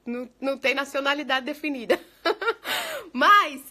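Bright, high-voiced chatty Brazilian woman. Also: wildly swooping pitch, unhurried. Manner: chatty and giggly, mixing in English phrases. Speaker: English teacher. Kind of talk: casual live chat answering viewer questions. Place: home in the United States.

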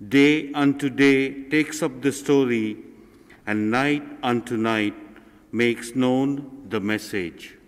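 Solemn male lector, cathedral echo. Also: mid-range voice. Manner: slow, solemn reading. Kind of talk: scripture reading and psalm at Mass. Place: large church. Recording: long church reverb.

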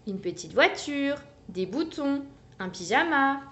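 A woman reading a picture book aloud for young children, animated and coaxing. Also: high voice, unhurried. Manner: animated, sing-song and coaxing. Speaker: children's story reader.

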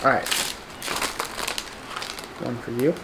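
Woman, low voice, laid-back vlog host, lots of fillers, noisy home recording. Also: steady tone, slow pace, creaky. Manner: easygoing, full of fillers. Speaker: vlogger. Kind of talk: casual taste-test video.

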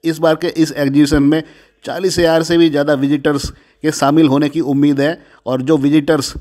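Brief: male vlogger, voice-over, slightly high and even, reels off facts steadily. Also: a little fast. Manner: steady informative listing. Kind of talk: promotional voice-over.

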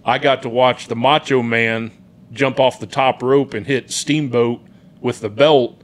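A man's voice: medium pitch, steady tone, measured pace. A man in his forties hosting a podcast, asking questions like an eager wrestling fan. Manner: enthusiastic fan, reminiscing. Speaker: podcast host. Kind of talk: casual interview.

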